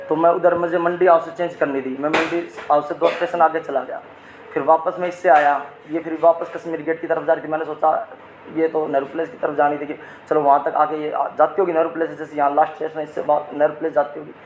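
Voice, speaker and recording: A man's voice: a little high, level tone, fast talker, roomy sound, slight background noise, low-quality recording. A man, a metro passenger, insistently complaining and repeating his demand to check the recordings, in a heated argument. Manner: insistent, repeats himself, talks over others.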